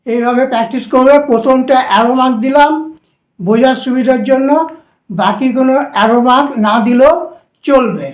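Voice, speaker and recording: A woman's voice: sits high, a little fast, echoey room. A woman with a Bengali accent, teaching shorthand strokes at a board and patiently repeating each step. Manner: instructive, repeats steps patiently. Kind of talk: whiteboard lesson for students.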